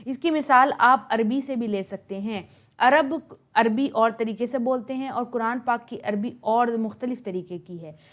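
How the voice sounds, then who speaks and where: A woman's voice: fairly high pitch, a little slow. A woman gives a lecture. She explains each term step by step and mixes English words into her speech. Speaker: teacher.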